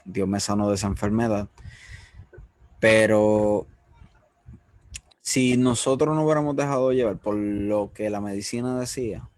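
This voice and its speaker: A man hosting an interview, speaking in a confessional, emotional way about his faith with drawn-out pauses. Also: fairly low pitch, a little mellow, dry recording. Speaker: interviewer, host. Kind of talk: personal faith conversation.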